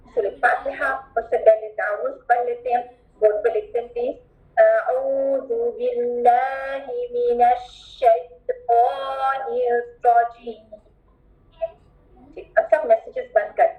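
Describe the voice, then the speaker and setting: A woman with a high voice leads a recitation class and firmly asks her students to pay attention. She repeats each word slowly and stretches it out to show how it should sound. The room is noticeably echoey. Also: narrow, tinny audio. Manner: instructive, repeats words slowly drawn out as examples. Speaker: Quran recitation teacher. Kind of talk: online class instruction.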